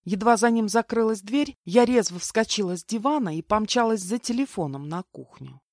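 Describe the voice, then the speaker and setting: A woman reads a first-person audiobook in a lively, wry way, her voice sitting at an ordinary medium pitch. The recording is bone-dry and close, with no room echo. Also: moderate pace. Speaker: audiobook narrator.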